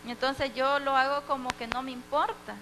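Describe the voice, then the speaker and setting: A woman's voice: sits high, fairly even intonation, moderate pace, pushed and bright, slight background noise, rough recording. A young woman giving a heartfelt church testimony, acting out the dialogue as she tells it.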